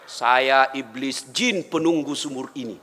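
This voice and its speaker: A man preaching voices a huge, weary old jinn who has lived in a well for centuries, speaking slowly. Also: medium pitch, a bit bright, voice pushed down. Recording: reverberant hall, faint background noise.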